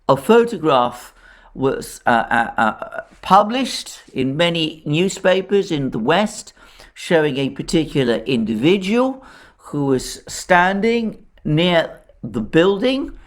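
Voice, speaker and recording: A man giving solo political commentary, speaking in a measured, deliberate way, with careful caveats and frequent restatements. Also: medium pitch.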